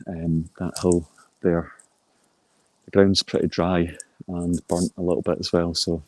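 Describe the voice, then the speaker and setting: A man with a deep, slightly mellow voice gives informal live golf commentary, explaining shots in a measured way and reacting briefly as they play out. The recording is dry.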